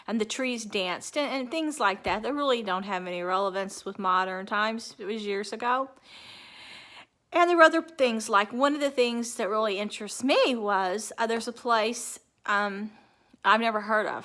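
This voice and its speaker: A woman in her fifties speaking in a halting, emotional personal monologue, often restarting her sentences. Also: mid-range voice, bright, forceful tone. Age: 50s.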